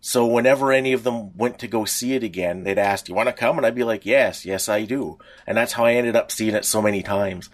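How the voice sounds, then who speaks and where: A middle-aged man co-hosts a podcast, reminiscing in a talkative, rambling, anecdotal way. His voice is on the low side, and he talks a little fast with few pauses.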